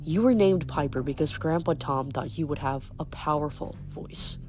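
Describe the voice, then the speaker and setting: A woman reads a fond father recalling old family stories, gentle and warm-hearted. Her voice stays low, with faint music underneath. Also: moderate pace, close to an everyday voice.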